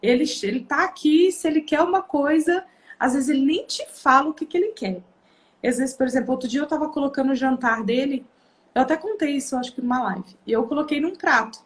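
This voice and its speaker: A Brazilian woman with a fairly high-pitched voice tells stories from home in a relaxed, conversational way. She hosts a parenting talk and keeps the tone animated, acting out the voices of her children as she goes. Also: a little fast. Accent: Brazilian Portuguese. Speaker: parenting video host. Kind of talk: casual storytelling to viewers.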